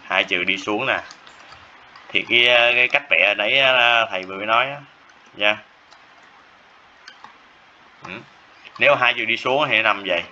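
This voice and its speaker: A man's voice: on the low side, normal speed, long pauses, sharp tone. Repetitive male teacher. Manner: repetitive, checks in with students often. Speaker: math teacher. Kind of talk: classroom lecture. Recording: dull lo-fi classroom recording with faint noise.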